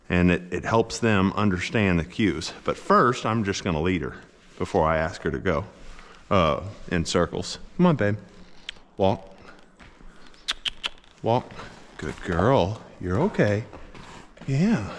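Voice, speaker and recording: Low-voiced folksy man coaching. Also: in a large hall. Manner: folksy, encouraging, coos to the horse. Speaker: horse trainer. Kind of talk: instructional coaching.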